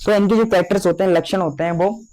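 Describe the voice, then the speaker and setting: Young male biology tutor, fairly high voice, drags out key words to dictate notes. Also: a little mellow. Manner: slow, drawn-out dictation of key terms; repeats fillers addressing students as children. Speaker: biology teacher. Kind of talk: lecture.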